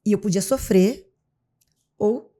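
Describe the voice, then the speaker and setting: Speaking slowly in a mid-range voice, a Brazilian mother of three shares stories as an interview show guest. She is casual and animated, acting out scenes, and has a Brazilian Portuguese accent.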